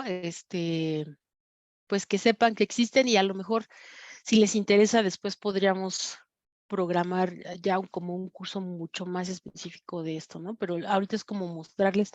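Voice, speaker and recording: A woman's voice: medium pitch, a little mellow, no echo, muffled recording. Mexican woman teaching with many fillers. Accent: Mexican Spanish. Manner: many fillers and self-corrections. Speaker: course instructor. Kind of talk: screen-sharing lecture on crime data.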